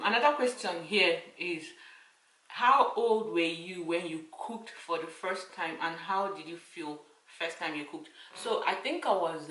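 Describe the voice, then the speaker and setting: Casting: young Nigerian-accented woman, bright forceful voice, casual Q&A vlog chat, roomy echo. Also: low-pitched, far from the mic. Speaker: vlogger. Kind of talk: casual chat to camera, answering questions.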